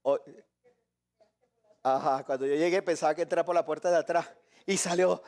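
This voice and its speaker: Brief: high-pitched male preacher, lively teaching delivery, acts out scenes, quick to joke. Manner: animated, acts out voices and shouts; jokes and laughs with listeners. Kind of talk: live Bible teaching.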